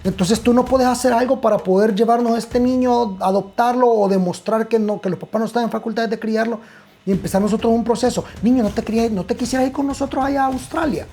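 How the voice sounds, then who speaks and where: A man's voice: extremely high pitch, fairly even intonation, fast, mellow, pitched above the performer's own voice. A man voicing a pushy, meddling middle-aged woman who keeps pressing with concerned questions. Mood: insistent. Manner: insistent, questioning.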